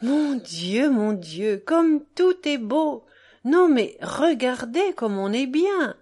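A woman reading as a gentle pious old grandmother. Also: medium pitch, animated, a little slow, close to an everyday voice. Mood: delighted. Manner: sing-song, fond, soothing.

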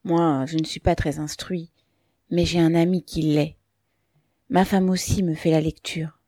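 A woman voicing a thoughtful, quiet bearded male peasant who speaks low and pensively, read from a storybook. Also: steady tone, a little slow, no echo, clean studio sound.

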